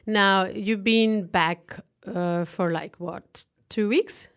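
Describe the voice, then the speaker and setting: A woman's voice: medium pitch, fairly even intonation, drawn-out words, fairly bright tone, clean tone. A woman hosting a radio interview, chatty and laughing often, with hesitant fillers. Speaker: radio show host.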